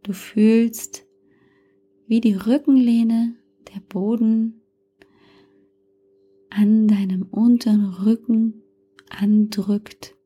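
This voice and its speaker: A woman narrating a guided meditation like a sleep story, softly and calmly, often near a whisper, with long pauses and gentle suggestions. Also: on the high side, husky. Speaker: guided relaxation instructor.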